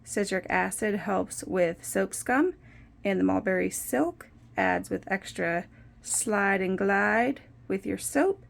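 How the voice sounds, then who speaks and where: A young woman hosts a casual soap-making vlog, chatty and self-deprecating as she explains each step. Her mid-range voice is slow and creaky, recorded on a phone propped on a windowsill.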